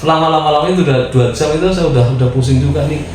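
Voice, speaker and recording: A man's voice: fairly high pitch, very fast. A man from Central Java telling a long personal story in casual chat, acting out the people in it with changing voices. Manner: animated storyteller, voices the people in his tale. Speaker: guest storyteller. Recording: echoey room with noise.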